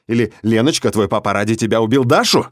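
A man's voice: fairly low pitch, fast talker, no echo, clean studio sound, lightly acted. A man doing a furious, barking desperate father. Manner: hoarse barking.

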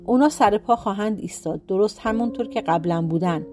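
A woman's voice: mid-range voice, darkish tone, close to an everyday voice. A woman voicing a spiteful old witch woman who is stubborn and cries out shrilly. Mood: pleading.

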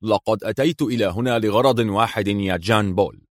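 A man's voice: lowish voice, a little fast, no room sound, clean studio sound, lightly acted. A man voicing a cocky, sarcastic male secret agent in an audiobook reading, mocking and cool. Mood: stern.

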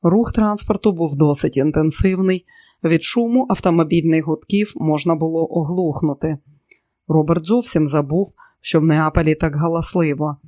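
A man narrating a novel as an audiobook in an even, steady manner. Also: fairly high pitch, normal speed, dry recording, studio quality.

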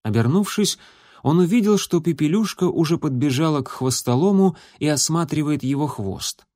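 A man reading a children's animal adventure story aloud as narrator in an even storytelling delivery. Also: on the high side, moderate pace, dry recording. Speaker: audiobook narrator. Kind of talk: scripted narration. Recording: dry close recording.

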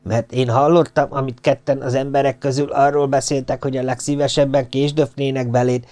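A man's voice: medium pitch, little pitch movement, a little mellow, close to an everyday voice. A man voicing a hot-tempered Maori sailor who speaks bluntly and threatens. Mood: threatening.

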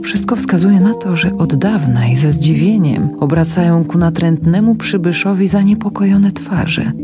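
A woman reading first-person literary prose for radio in a quiet, reflective manner that sinks into whispers. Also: on the low side, normal speed. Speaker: radio reader. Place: radio studio. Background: music.

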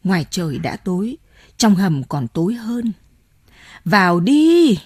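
A woman narrating a novel as an audiobook in a steady, measured storytelling manner. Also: on the low side, slightly rough, dry recording. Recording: dry close mic, faint music.

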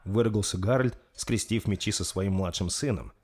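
Guy narrating a dark fantasy audiobook, lowish husky voice, steady. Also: moderate pace.

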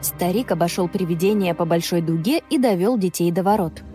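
Woman narrating a children's story, mellow. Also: on the low side, soft background music. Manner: measured, expressive storytelling. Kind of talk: scripted audiobook narration.

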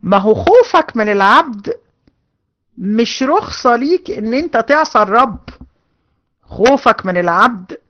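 A woman's voice: fairly high pitch, big pitch swings, moderate pace, pauses often, a bit bright, lo-fi sound. A woman with an Egyptian accent teaching a religious lesson to a class of women, earnest and given to repeating her points. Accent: Egyptian Arabic. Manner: earnest, repetitive, addresses class directly. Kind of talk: hadith lesson to women students.

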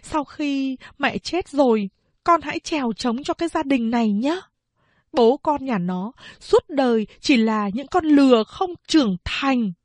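A woman's voice: high voice, expressive, unhurried, no echo, pitched above the performer's own voice. A woman reading aloud, voicing a blunt, scolding old mother-in-law on her sickbed. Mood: stern.

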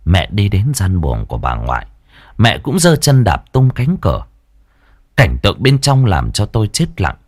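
A man's voice: huge pitch swings, moderate pace, darkish tone, no echo, clean studio sound. A man narrating a horror story in a dramatic, tense way. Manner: dramatic, tense storytelling with wide swings in pitch. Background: faint background music.

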